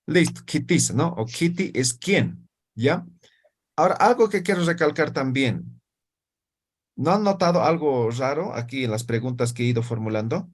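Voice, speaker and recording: In a classroom lesson on the Aymara language, a male Aymara speaker explains things while tossing in "¿no ve?" again and again to make sure students follow. He talks at normal speed in a mid-range voice with lively intonation.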